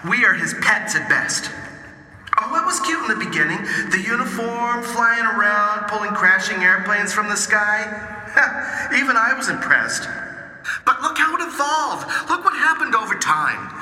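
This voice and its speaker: A man's voice: high-pitched, very animated, normal speed, sharp tone, reverberant, in a large hall, exaggerated voice, poor audio. An actor playing a bitter, cynical drunk man who mocks and sneers at everyone. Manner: sneering, mocking.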